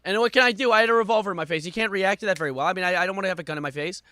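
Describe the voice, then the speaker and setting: A man doing live stream reaction commentary with exasperated, sarcastic complaining, moving between muttering and louder outbursts. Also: high-pitched, racing, no echo.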